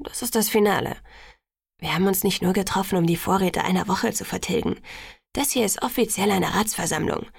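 Brief: woman reading quiet young man, hushed and eager, gravelly, dry audiobook sound. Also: no room sound. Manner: hushed, low-voiced.

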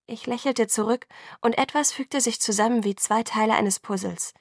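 A woman narrating an audiobook in first person, calm and measured, close to the mic. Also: fairly high pitch, no echo.

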